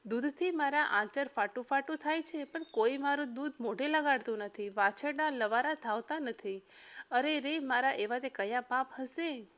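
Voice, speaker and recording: A high, lamenting talking cow from a devotional storybook, put on by a woman narrator. She pleads mournfully for a cure to her sorrow, her voice lifted above the narration. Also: normal speed, fairly bright tone. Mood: pleading.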